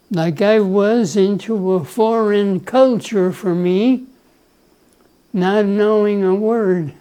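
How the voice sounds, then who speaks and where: A man in his nineties from El Salvador, whose first language is Spanish, telling his life story to his grandchild in an unhurried way, often clearing his throat and chuckling. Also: sits high, dark tone, low-quality recording. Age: 90s. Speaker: grandfather being interviewed. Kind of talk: relaxed life-story interview.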